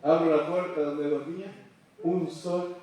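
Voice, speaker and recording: A man preaching a sermon as a pastor, telling a story in an animated way and acting out the dialogue. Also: a little high, a little slow. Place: church hall. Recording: echoey hall, distant mic.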